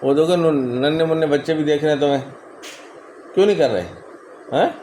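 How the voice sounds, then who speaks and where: A man's voice: a little high, brisk, slight background noise. A man vlogging about his pet birds, coaxing them with repeated calls and baby talk while chatting to his viewers. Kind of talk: casual pet vlog, talking to viewers. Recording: echoey room with loud bird chatter. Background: birds calling.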